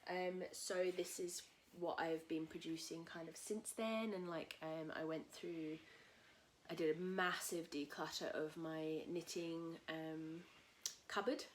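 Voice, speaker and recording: An English podcast host with a low, husky voice, a bit croaky from a cold, chats casually about knitting, rambling with lots of fillers. She speaks slowly with fairly even intonation from her tiny house, where faint noise and calling cockatoos drift in from outside.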